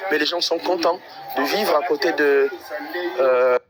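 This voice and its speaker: Against a loud crowd, a livestream vlogger with a fairly high-pitched voice talks unhurriedly. Out of breath, he strolls residential streets outside and keeps repeating himself to his viewers, sounding exasperated.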